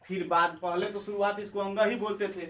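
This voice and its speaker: A man's voice: high voice, level tone, a bit bright, slight background noise. A male teacher giving a classroom lesson, asking questions and answering them himself, saying sounds one at a time. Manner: drills by asking and answering his own questions; says sounds slowly one by one. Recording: echoey room, far from mic.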